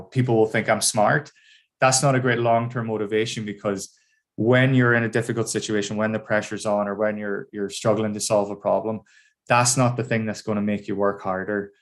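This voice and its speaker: Middle-aged man, Donegal accent from Ireland's northwest, slightly low voice, thoughtful guest speaker explaining things informally on a video call. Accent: Donegal, northwest Irish. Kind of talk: informal career talk to students.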